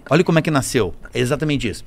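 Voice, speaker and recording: This Rio de Janeiro man, speaking with a Carioca accent, races through laughing, profanity-laced stories as a guest on a podcast. His mid-range voice is creaky, and his casual storytelling is highly animated.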